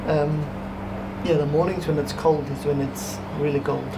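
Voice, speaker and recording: A man's voice: fairly high pitch, fairly even intonation, moderate pace, creaky. A young man talking casually as a host and coach, recorded outdoors a little way from the camera. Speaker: host coaching a guest through an ice bath. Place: outdoor covered backyard patio. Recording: outdoor background noise, distant mic.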